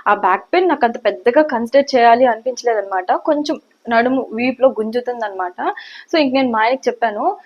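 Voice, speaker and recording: A woman's voice: fairly high pitch, quick pace, a little mellow. A young woman vlogger casually telling a personal story in a chatty, rambling way. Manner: chatty, rambling, repeats "anamaata" often. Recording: dull lo-fi sound.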